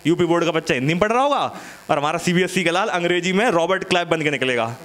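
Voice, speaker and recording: A male stand-up comic with a notably high voice, spinning stories in a loose, chatty way. He keeps breaking off to banter with his audience on a small studio stage. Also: animated, fast, fairly bright tone. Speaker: stand-up comedian. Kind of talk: stand-up comedy set.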